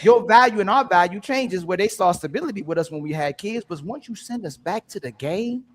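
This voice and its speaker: A man holds forth on a livestream panel debate. His delivery is preachy, rising to loud bursts and then dropping low and quiet. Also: animated, fairly quick.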